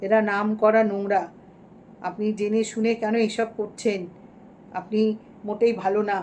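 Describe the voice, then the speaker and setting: A woman's voice: medium pitch, level tone, moderate pace, a little mellow, a little hiss or hum, lightly acted. A woman playing an indignant female commenter who lectures and reproaches. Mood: reproachful.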